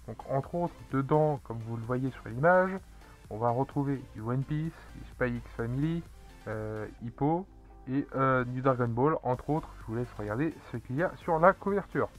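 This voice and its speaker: A man presenting anime and manga news in a casual solo commentary, rambling with many fillers and restarts. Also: a little high. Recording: dull lo-fi audio with faint music.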